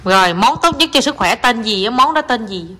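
A woman's voice: fairly high pitch, expressive, fairly quick, noisy background. A mother, chatting and teasing playfully while she plays pretend with her child. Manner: chatty and teasing, often laughing. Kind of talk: casual home vlog, playful pretend play.

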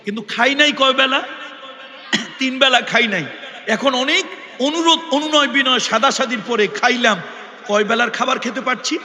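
A male preacher delivers an emphatic sermon, repeating key phrases and firing questions at his listeners. His voice sits very high and sounds sharp and piercing. A long echo hangs behind him, as in a large hall. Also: normal speed. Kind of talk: Islamic sermon. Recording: echoey hall.

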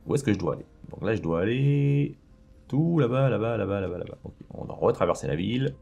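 A man's voice: medium pitch, lively intonation, a little fast, creaky, mellow, lo-fi sound, faint music behind. A man hosting a let's play, chatting casually and thinking aloud with lots of fillers as he plays. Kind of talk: casual gameplay commentary.

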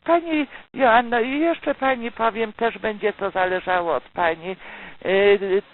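A woman working as a telemarketer, delivering a polite, persuasive, partly scripted sales pitch and checking often for agreement. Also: measured pace. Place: recorded phone call. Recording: tinny phone line with loud noise.

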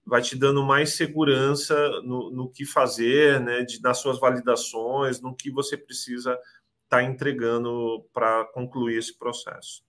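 A man's voice: medium pitch, level tone, a little slow, fairly bright tone. A man in his thirties from Brazil, talking casually in an interview over a video call, hesitant, often repeating words and adding tag questions. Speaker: interviewee, immigration client.

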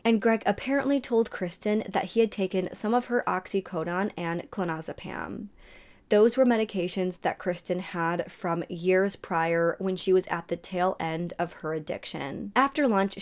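A woman's voice: on the low side, darkish tone. A woman hosting a true crime show, recounting a case in a casual storytelling way with personal asides. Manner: conversational, adds personal asides.

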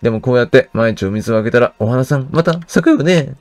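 A man reading aloud a gentle little girl who waters a withered flowerbed in a video game, soft and hopeful. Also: mid-range voice, expressive, fast talker, lightly acted.

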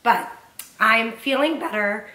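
This Southern California woman in her thirties, a mom who vlogs at home, chats brightly from her living room about cleaning and decorating, filling pauses with "um." Her voice, on the high side, slow, pushed and bright, is still slightly off from a cold she's getting over.

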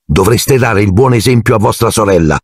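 A man voicing a bossy, proud witch mother with a brisk, scolding manner in an audiobook. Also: fairly low pitch, big pitch swings, breathy edge, no room sound, studio quality, pitched above the performer's own voice, full character voice.

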